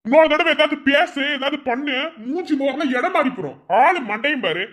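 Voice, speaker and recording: High-ish fierce village woman voiced by an actor, madurai accent, yelling threats, cartoon. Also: expressive, fairly quick. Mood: furious. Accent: Madurai Tamil. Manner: harsh, threatening, shouting insults. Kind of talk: cartoon voice acting.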